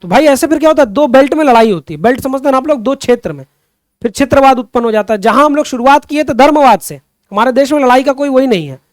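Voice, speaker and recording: A young man with a strikingly high voice runs an online Hindi grammar class. He keeps coaxing his students for answers, repeating each question and calling them friends. The sound is close and dry, with almost no room around it. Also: lively intonation, fast talker, no room sound. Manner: digresses into impassioned social commentary. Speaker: Hindi teacher. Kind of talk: online exam-prep class.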